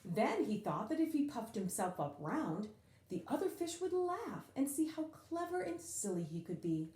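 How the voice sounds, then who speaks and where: In a roomy-sounding space, a woman with a voice on the high side gives a dramatic read-aloud of a children's picture book, drawing out key words for emphasis.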